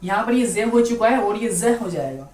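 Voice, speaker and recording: A woman's voice: mid-range voice, expressive, darkish tone. A woman teaching a beginners' language lesson, patiently repeating each letter and checking in often. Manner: patient, repeats each letter slowly with frequent "theek hai". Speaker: Urdu teacher. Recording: roomy, distant mic with faint background noise.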